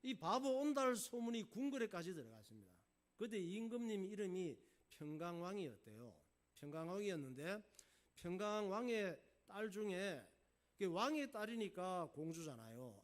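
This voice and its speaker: A man's voice: high voice, normal speed. A male pastor telling a folk tale in a casual, folksy sermon. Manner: folksy, animated storyteller. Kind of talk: storytelling sermon.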